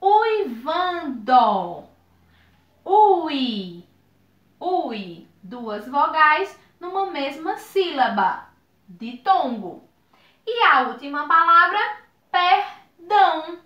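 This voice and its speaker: A woman's voice: sits high, roomy sound, lo-fi sound. A woman from Brazil teaching a recorded video lesson for children, drawing out the words she spells. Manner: slow, drawn-out spelling of words, lively teacherly sing-song.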